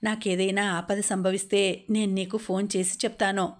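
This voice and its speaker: A woman voices a calm, sensible young woman in an audiobook story. She speaks in a measured, gently firm way, at an even middle pitch. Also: lightly acted. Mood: composed.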